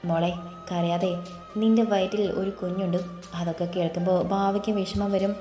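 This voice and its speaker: A woman voicing a caring, worried middle-aged mother who soothes and gently scolds, in a storybook reading with faint music in an echoey room. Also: medium pitch, fairly even intonation, normal speed, lightly acted. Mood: soothing.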